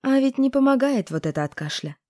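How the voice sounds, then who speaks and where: A woman reading a bold young witch in a storybook. She speaks in a sly, mocking tone, slightly raised in pitch. The recording is close and dry. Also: lively intonation, brisk, darkish tone, no room sound.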